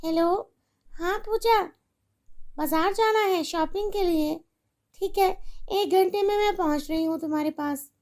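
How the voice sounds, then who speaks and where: A woman voicing a careless, self-absorbed mother who snaps and scolds in a shrill voice. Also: measured pace, darkish tone. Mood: chatty. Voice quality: shrill, snappish.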